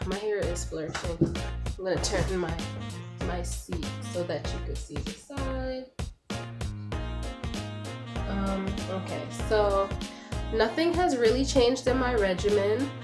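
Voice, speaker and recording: A woman's voice: mid-range voice, expressive, slow pace, long pauses. A young woman vlogging to camera in a candid, chatty way, sounding a little congested from a cold. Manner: chatty and candid, says "like" and "y'all" a lot. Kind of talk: casual talk to camera. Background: music, dog noise.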